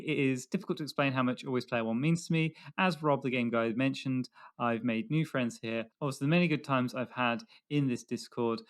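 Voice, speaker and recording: Enthusiastic podcast co-host man. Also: mid-range voice. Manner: enthusiastic, halting when moved. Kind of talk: casual chat, reading listener messages.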